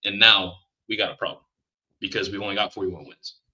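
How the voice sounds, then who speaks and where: A man co-hosting a casual sports podcast, talking in an animated way, with restarts and self-deprecating asides. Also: lowish voice, a little fast, breathy edge, dull audio. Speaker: podcast co-host.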